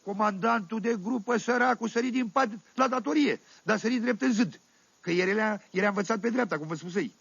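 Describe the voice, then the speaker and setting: Un actor care interpretează un sătean oltean de vârstă mijlocie, povestind glumeț și fără șir, cu accent oltenesc, într-o comedie radiofonică. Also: male voice, sits high, gravelly, fairly bright tone, slightly rough, no echo, full character voice. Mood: amused, rambling. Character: folksy Oltenian village man telling tales. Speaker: storyteller. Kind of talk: 1970s radio comedy monologue. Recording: dull dry 1978 vinyl radio recording.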